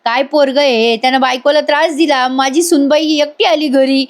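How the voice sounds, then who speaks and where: A woman voicing an elderly father who scolds and shouts at his son in a retold serial scene. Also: high voice, steady tone, moderate pace, voice pushed up, close to an everyday voice. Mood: scolding. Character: elderly father, stern, tearful, quick to anger.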